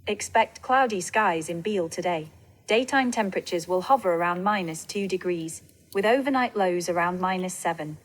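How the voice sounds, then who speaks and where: A calm female virtual assistant , voiced by a woman, speaks smoothly from a tablet speaker. Her tone is polite, even and measured, a little low for a woman. Every phrase sounds steady and synthetic. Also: lightly acted. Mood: informative.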